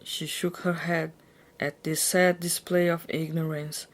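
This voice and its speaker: A woman storyteller with a lowish voice and a very slow pace. She narrates a children's story with hammy, stage-like drama. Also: flat delivery.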